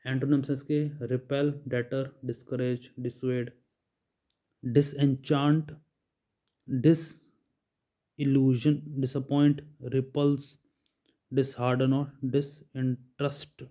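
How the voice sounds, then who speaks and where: Man, vocabulary teacher, monotone, dark mellow voice, dull lo-fi recording. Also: mid-range voice, takes it slowly, pauses often. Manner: reads word lists, adds Hindi explanations with frequent "ठीक है". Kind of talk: bilingual vocabulary lesson.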